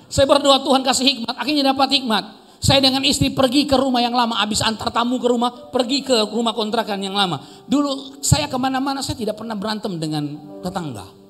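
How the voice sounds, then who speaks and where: A man's voice: very high-pitched, fairly bright tone, in a large hall. A man preaching at a church service, telling a story with humor and laughing as he goes. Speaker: pastor. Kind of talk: sermon. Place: church service in a rented shop-house hall.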